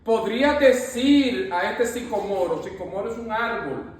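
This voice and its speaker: A man's voice: very high voice, lively intonation, a little slow. A man teaching at a bible study in an emphatic, preachy style, repeating his phrases and often turning to the pastor. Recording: echoey room, far from the mic.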